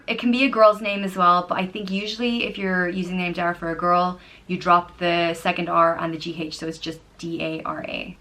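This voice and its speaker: Bright-voiced Irish woman explaining names. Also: on the low side. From Ireland. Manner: chatty, spells names out letter by letter, frequent ums. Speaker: vlogger teaching name pronunciation. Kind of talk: casual spoken explainer.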